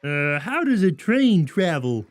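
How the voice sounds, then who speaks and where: A man's voice: a little high, sing-song, measured pace, dry recording. A man voicing hesitant schoolchild rodents in an audiobook. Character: ordinary schoolchild rodents in a classroom.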